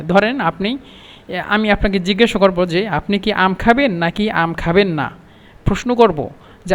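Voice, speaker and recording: Higher voiced guy from bangladesh teaching a lesson slow, says stuff twice, lots of reverb. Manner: explains slowly, repeats phrases. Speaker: Arabic language teacher. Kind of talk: spoken language lesson.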